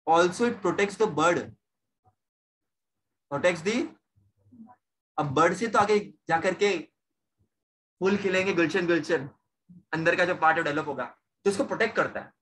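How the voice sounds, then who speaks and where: A man's voice: high-pitched, unhurried, long pauses, fairly bright tone. A young man teaching a science class, repeating questions to his students and mixing in English terms. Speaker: science tutor. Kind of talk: online class lecture.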